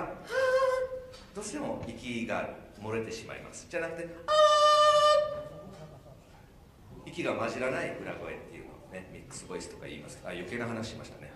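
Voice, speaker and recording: A man's voice: medium pitch, wildly swooping pitch, racing, few pauses, fairly bright tone, a little hiss or hum. A man from Kumamoto, a vocal coach explaining and demonstrating singing sounds live on stage at a dinner show. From Kumamoto, Kyushu, Japan. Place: hotel banquet hall. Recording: echoey banquet hall.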